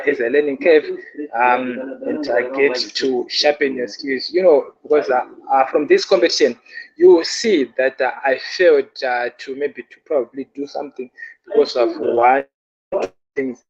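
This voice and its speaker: A man's voice: medium pitch, unhurried, slightly rough, highs cut off. A man speaking over a choppy, breaking internet call as a hackathon organizer, hesitant and full of filler sounds and restarts. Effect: choppy, breaking internet call audio. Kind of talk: live-streamed online event remarks. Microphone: remote call connection.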